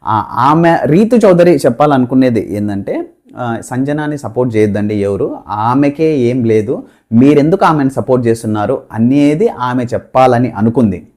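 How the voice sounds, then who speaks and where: Male commentator, mid-pitch, chatty, opinionated recap, light chuckles. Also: expressive, normal speed, darkish tone. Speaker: show commentator. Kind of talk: casual reality-show recap.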